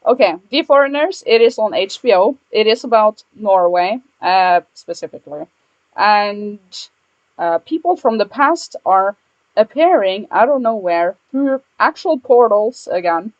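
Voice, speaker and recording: Slow-talking giggly woman co-host. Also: mid-range voice, animated, dry recording, highs cut off. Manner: enthusiastic, giggly, unhurried. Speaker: podcast co-host and YouTuber. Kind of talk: casual chat.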